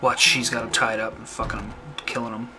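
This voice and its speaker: A man's voice: fairly low pitch, level tone, a little fast. A man giving sweary, off-the-cuff gameplay commentary. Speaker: gamer, let's player. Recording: voice over noisy game audio.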